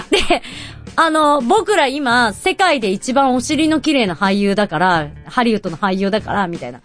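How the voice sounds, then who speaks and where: A woman hosting a radio show, telling stories in a bubbly, chatty way and acting out quoted voices with high squeals. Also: lively intonation, normal speed, a bit bright, soft background music. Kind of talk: casual chatty storytelling.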